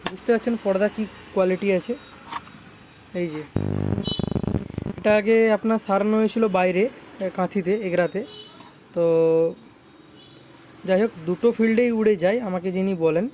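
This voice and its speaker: On a rough recording with clear background noise, an Indian technician casually demonstrates repairs for a product showcase vlog. The voice is medium-pitched and a little mellow, with fairly even intonation, a normal pace, and frequent pauses, and the talk is repetitive and full of check-in tags.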